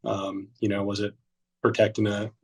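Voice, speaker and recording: Male rescue commander, monotone, practical explainer. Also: fairly low pitch, moderate pace, slightly rough. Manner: flat, matter-of-fact explaining. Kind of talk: interview, safety advice.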